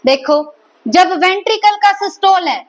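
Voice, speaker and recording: A woman's voice: extremely high pitch, expressive, measured pace. A woman teaching a biology lecture, repeatedly quizzing her students and echoing their answers. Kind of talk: classroom lecture.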